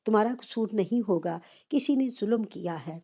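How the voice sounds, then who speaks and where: A woman's voice: medium pitch, expressive, warm tone, lo-fi sound. A woman voicing an anxious, protective mother who speaks firmly and pleadingly. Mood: urgent. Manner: firm, pleading. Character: anxious protective mother, stern yet desperate.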